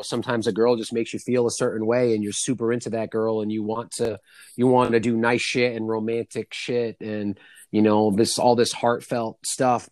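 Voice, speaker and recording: A man's voice: lowish voice, darkish tone, no room sound. A man co-hosting a casual chat and giving advice in sweary bro talk, often checking that he is understood. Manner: bro-like, sweary, peppered with 'you know what I mean'.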